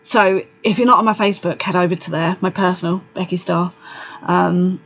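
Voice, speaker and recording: A woman's voice: fairly low pitch, fairly even intonation, moderate pace, slight background noise. A woman co-hosting a podcast in casual chat, blunt and sweary, laughing often. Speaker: podcast co-host. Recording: dull lo-fi sound.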